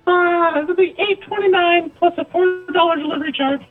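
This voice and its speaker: A man putting on a slow, mock-polite falsetto clerk taking a phone order. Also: narrow, tinny audio, faint music behind. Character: sing-song falsetto fast-food phone clerk.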